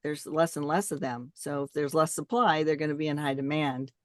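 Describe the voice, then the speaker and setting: A woman's voice: deep voice, fairly even intonation, brisk, no echo, studio quality. An older woman hosting a casual, conversational interview. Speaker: interview host.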